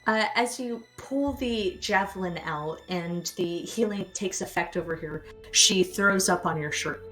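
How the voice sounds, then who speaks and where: A young adult woman narrating a tabletop game as game master, with descriptive, unhurried narration. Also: fairly low pitch, a bit bright, soft background music, poor audio.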